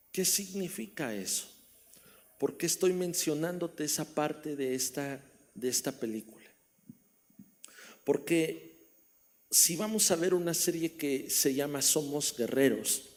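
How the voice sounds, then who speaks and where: A man with a Mexican Spanish accent preaching a sermon as pastor, telling a story and asking the congregation questions. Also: on the high side. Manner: storytelling, repeats phrases, asks the congregation questions. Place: church hall.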